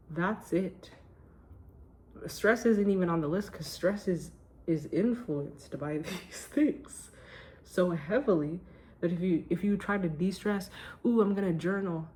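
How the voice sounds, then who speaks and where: A woman's voice: fairly low pitch, dark tone, slight background noise. A woman vlogging to camera at home at night, talking casually about her day and her well-being research in an emphatic, self-joking way. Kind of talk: casual chatty vlog.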